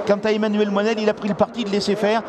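A male motorsport commentator with a high-pitched voice calls a live race. He exclaims and repeats short phrases as he follows the cars. Clear engine and track noise runs behind him. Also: monotone, racing. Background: outdoor race cars and track ambience.

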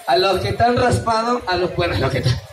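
A man's voice: high voice, very animated, fast talker. A man hosting a comic street show as a silly clown, teasing and hyping the audience. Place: outdoor town plaza by a bandstand at night. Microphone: far camera. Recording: outdoor crowd noise, loud music, distant echoey mic. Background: loud music and crowd.

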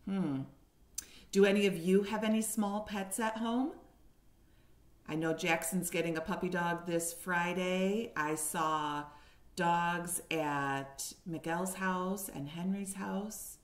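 Her voice fairly low and her pace slow, a woman in her forties reads a picture book aloud and poses questions to young listeners. This kindergarten teacher records indoors at home on a webcam, with a roomy living-room echo.

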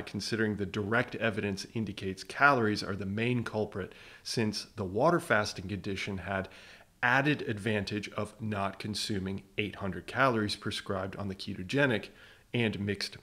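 Male science explainer, lower pitch, punchy rhetorical delivery. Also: a bit bright. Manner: emphatic, rhetorical questions. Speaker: science educator. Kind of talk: scripted explainer narration.

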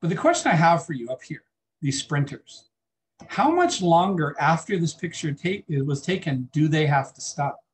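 This classroom biology lecturer, a man, talks conversationally and quizzes his students. His voice sits on the high side with a sing-song lilt at a normal speed.

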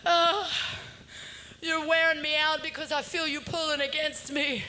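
A woman preaching a fervent sermon, swinging between shouting and hushed whispers. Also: high voice, little pitch movement, unhurried, a little hiss or hum, poor audio. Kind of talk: impassioned sermon.

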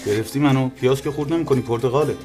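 An actor playing a brusque, teasing brother and uncle. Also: male voice, medium pitch, a little mellow, soft background music, natural voice.

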